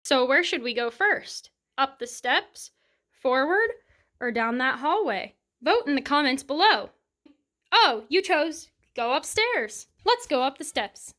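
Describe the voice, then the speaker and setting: A woman's voice: high-pitched, big pitch swings, unhurried, a bit bright. A young woman casually vlogging a tour of a family home, chatty and rambling with apologetic asides. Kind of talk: casual house tour vlog.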